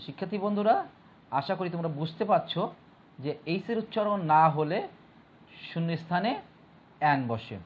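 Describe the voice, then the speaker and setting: A man's voice: high voice, normal speed, pauses often. Man teaching a patient grammar lesson. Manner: explains step by step, repeats points and asks the class questions. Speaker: school teacher. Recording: dull lo-fi recording with faint mains hum.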